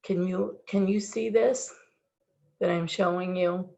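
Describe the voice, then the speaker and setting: A woman leading a children's yoga class, giving gentle, encouraging step-by-step instructions. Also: lowish voice, steady tone, takes it slowly, gravelly. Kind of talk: guiding a kids' yoga class. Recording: distant, very echoey, dull-sounding room recording.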